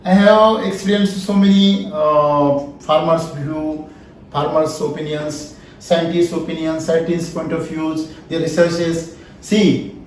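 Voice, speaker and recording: A man's voice: on the high side, little pitch movement, takes it slowly, recorded from a distance, slight background noise. A man with an Indian English accent lecturing at a farming seminar, repeatedly asking the audience "yes or no?" and repeating his points. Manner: repetitive questioning, asks "yes or no?". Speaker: founder giving a farming seminar. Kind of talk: lecture with audience call-and-response. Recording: echoey room recorded from afar.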